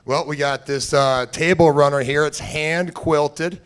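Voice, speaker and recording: A young man from Washington State, an auctioneering student, who talks plainly about himself and calls bids in a fast rhythmic chant. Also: on the high side, fairly even intonation, fairly bright tone, clear, resonant tone. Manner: rapid rhythmic chant while calling bids. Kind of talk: auction bid calling.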